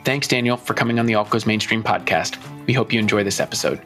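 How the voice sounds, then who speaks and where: A man's voice: lowish voice, fast talker, over music. Upbeat male podcast host. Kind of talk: scripted intro, then interview questions.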